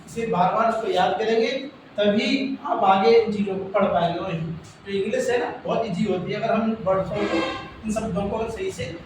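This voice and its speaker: A man teaching a classroom phonics lesson, slowly drilling letter sounds and asking questions. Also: high voice. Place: school classroom. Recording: echoey room from far off with noise.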